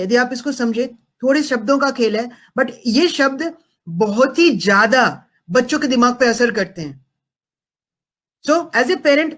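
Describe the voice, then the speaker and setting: A man's voice: very high voice, a bit bright. A man giving a parenting talk to an audience. He switches between Hindi and English and keeps checking in with the listeners. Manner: mixes Hindi and English, keeps asking "am I right?". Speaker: parenting coach.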